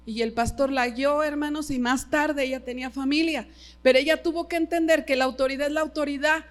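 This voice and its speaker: A middle-aged woman with a high voice and a Mexican Spanish accent delivers a sermon. She speaks emphatically, pressing her points and calling her listeners brother again and again. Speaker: preacher. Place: church.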